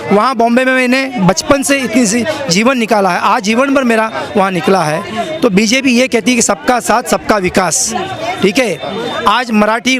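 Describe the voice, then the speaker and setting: A man from Maharashtra giving an emphatic, repetitive street interview outdoors. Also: very high voice. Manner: emphatic, repeats points. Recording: outdoor crowd noise.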